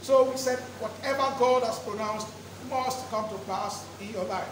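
At normal speed, a middle-aged pastor preaches in a very high voice, elongating important words and repeating phrases to drive them home. The lectern mic catches him from a distance as his voice echoes around a spacious church hall hung with drapes. Steady noise hums beneath him.

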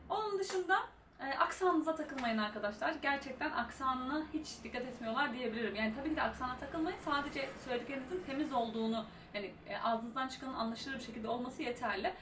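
A young woman giving casual exam-speaking tips as a tutor, talking fast and chatty with many fillers. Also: high voice. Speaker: IELTS tutor and YouTuber. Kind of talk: casual advice vlog. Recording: roomy echo, mic at a distance, faint room noise.

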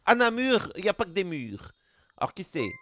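A man's voice: high voice, sing-song, brisk, a bit bright, dry recording. A Belgian man with a Belgian French accent, streaming live as he opens packs, greeting chat viewers and swearing casually.

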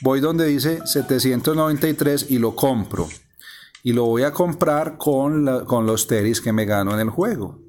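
A man's voice: mid-range voice, moderate pace. Brief: male narrator, methodical gameplay voice-over, faint music behind. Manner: explains step by step, calm and methodical. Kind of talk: casual screen-recording walkthrough. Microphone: voice-over on a phone screen recording.

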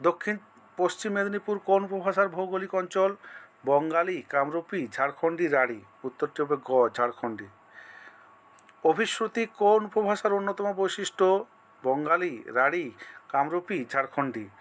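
A man's voice: high voice, normal speed, fairly bright tone. A male teacher running an exam-prep lesson, reading out multiple-choice questions, listing each option and then giving the answer.

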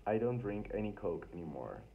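In a lowish, sing-song, creaky voice and at a fairly quick pace, a young man of about twenty-one to twenty-three reads his diary out loud vlogger-style, with sheepish, self-deprecating asides. He's in a small room indoors, recorded with thin, phone-like sound and heavy noise.

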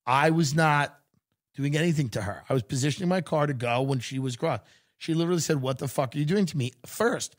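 Podcast host, male, slightly high voice, lecturing tone, stammers and restarts, mimics others mockingly. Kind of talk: casual chat.

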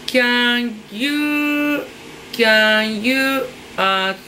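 A woman in her forties, a native Japanese speaker with a Japanese accent, speaks in a slightly high, bright, forceful voice over a little hiss or hum. She's an English learner in an online lesson, recorded by a webcam at a desk in a small room. She hesitantly repeats phrases slowly as she learns.

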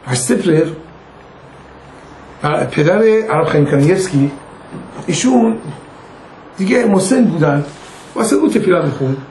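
Older rabbi teaching in an echoey room. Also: male voice, high voice, animated, long pauses, a little mellow. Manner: conversational, anecdotal, acts out quoted dialogue. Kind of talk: informal religious lesson. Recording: echoey room with faint noise.

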